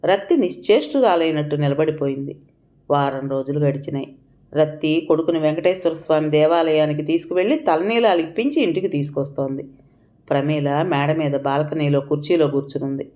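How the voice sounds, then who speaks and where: This is a woman with a low voice, narrating an audiobook story. She reads with feeling and gives the characters' pleas and cries her own emotional delivery. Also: fairly quick, dark tone.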